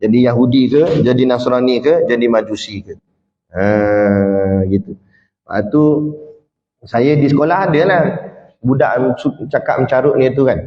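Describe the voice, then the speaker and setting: A man with a Malay accent giving a religious lecture in an animated way, acting out quoted speech and often tagging his points with "ha" and "kan". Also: medium pitch, normal speed. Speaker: preacher. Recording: echoey hall, dull lo-fi sound.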